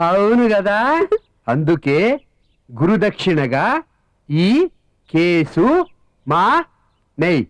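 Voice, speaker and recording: Cocky young lawyer husband, high-pitched, dry sound, faint music behind; threatening and huffy. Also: male voice, animated, drawn-out words, long pauses, dry recording. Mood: blustering. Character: blustering young lawyer husband, boastful and prickly. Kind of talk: film dialogue.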